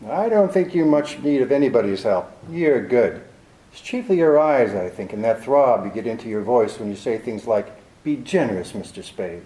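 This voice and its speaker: A man's voice: medium pitch, animated, normal speed, dark tone, natural voice. A man playing a cynical, tough private detective with a wry, clipped, world-weary delivery, in 1940s radio drama style, in a roomy recording.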